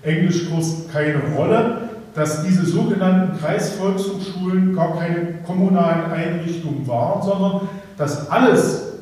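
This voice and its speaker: A man's voice: high voice, measured pace, darkish tone. A man in his fifties, an association chairman giving a ceremonial speech, reminiscing with some hesitant fillers. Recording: echoey hall from far off.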